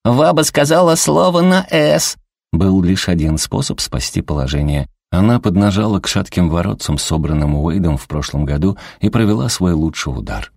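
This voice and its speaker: A man narrating an audiobook in an expressive, lively storytelling manner. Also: very deep voice, a little fast, hardly any pauses, no echo, studio quality.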